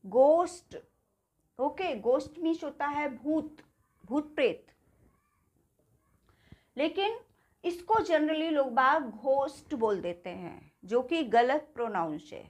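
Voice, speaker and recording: A woman's voice: high voice, lively intonation, takes it slowly, pauses often. A woman with an Indian accent teaching spoken English, patiently repeating words and asking her class questions.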